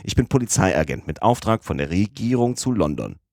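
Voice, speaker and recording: A sly detective presses his case in a low, insistent tone, as a man reads him. The voice is deep and the recording dry and close. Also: big pitch swings, brisk, gravelly, a little mellow, no room sound, full character voice. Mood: coaxing. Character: crafty English police detective, middle-aged man, persuasive.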